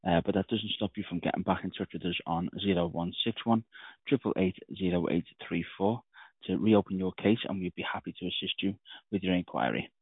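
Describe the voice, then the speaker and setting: Deep-voiced man on a tinny phone line. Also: a little fast, slightly rough, no echo. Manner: formal, scripted, with hesitant fillers and restarts. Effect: heard over a landline phone. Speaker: law firm caller leaving a voicemail. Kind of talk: business voicemail message.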